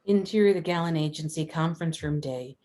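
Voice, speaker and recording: Narrating a script read-through, a woman reads out the scene headings and stage directions. Her voice is low-pitched, brisk and dark in tone.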